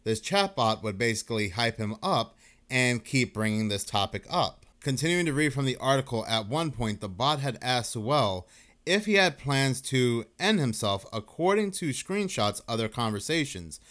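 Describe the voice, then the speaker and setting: A man's voice: medium pitch, big pitch swings, moderate pace, fairly bright tone. Man giving casual commentary. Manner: conversational, uses fillers like basically. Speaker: YouTube commentator. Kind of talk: commentary reading news articles and chat logs aloud.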